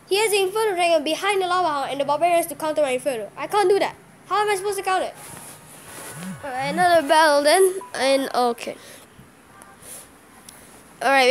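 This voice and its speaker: A woman giving live gameplay commentary as a channel host, excitable and quick to exclaim and groan at each play. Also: high-pitched, a little hiss or hum.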